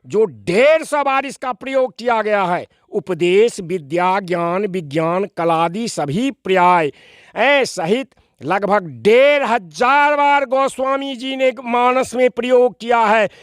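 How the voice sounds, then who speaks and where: Slow, preacherly man with a high voice. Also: clear, resonant tone, no room sound, studio quality. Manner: preacherly, emphatic, with rhetorical questions and quoted verses. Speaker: interviewee, scripture expounder. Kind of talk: explanatory interview answers.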